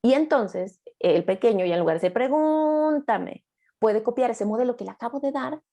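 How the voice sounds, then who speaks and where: A woman's voice: a little high, animated, quick pace, warm tone. A young adult woman therapist giving an online master class, explaining patiently and acting out short lines of children and parents.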